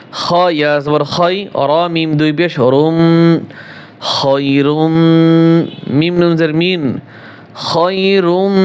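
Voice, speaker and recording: A man with a Bangladeshi Bengali accent teaching Quran recitation, spelling out each syllable and then chanting the verses slowly. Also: a little high, smooth.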